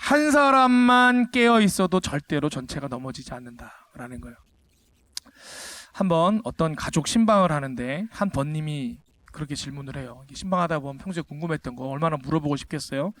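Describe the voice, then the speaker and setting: A man's voice: fairly high pitch, expressive, brisk, fairly bright tone. A man preaching a sermon at a church service, emphatic and full of rhetorical questions put to the congregation, surging sharply upward to drive points home. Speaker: pastor.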